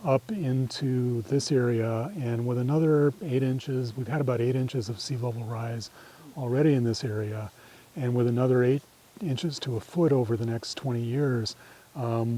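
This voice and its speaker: A man's voice: mid-range voice, warm tone. A middle-aged man giving an informal talk as he guides a nature walk, reflective and tentative, often trailing off at the ends of phrases. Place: outdoors on a farm trail.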